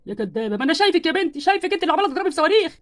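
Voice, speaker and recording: A woman's voice: very high voice, sing-song, very fast. A woman voicing a blunt, accusing male street bean seller in an Egyptian accent.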